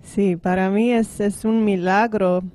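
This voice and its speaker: A Dutch woman, a guest singer, speaks careful learner's Spanish in short phrases, pausing to translate and laughing often between them. Her voice is medium-pitched, steady, slow, and dark in tone, on a dry recording.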